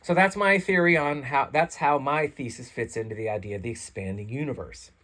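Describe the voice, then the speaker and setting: A man's voice: mid-range voice, a little fast, pushed and bright. Stuffy-nosed guy reading his own essay into a home mic, earnest, rambly, kinda self-deprecating. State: congested. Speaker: channel host reading his own article. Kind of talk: reading an essay aloud, then casual sign-off. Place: seated in a chair. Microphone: home microphone, some chair rubbing.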